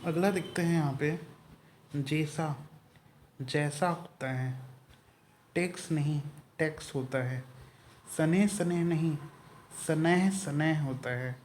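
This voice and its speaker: A man's voice: on the high side, slow pace, pauses often, darkish tone, slight background noise. A man teaching an exam-prep Hindi spelling lesson, explaining each word letter by letter.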